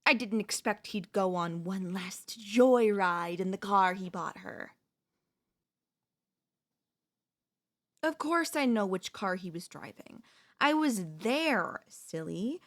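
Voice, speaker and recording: In this ASMR audio roleplay, a voice actress portrays a controlling, manipulative wife who speaks to the listener in a deliberate, sweetly patronizing, dramatic manner. Her voice sits at medium pitch and is expressive, carrying a smug, chillingly calm mood.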